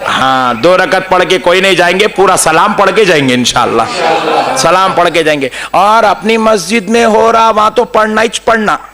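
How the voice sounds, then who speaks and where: Lively high-voiced male preacher. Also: normal speed, crowd noise. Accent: Hyderabadi Urdu. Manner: storytelling, mimics others, chants Quran passages. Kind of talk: humorous sermon.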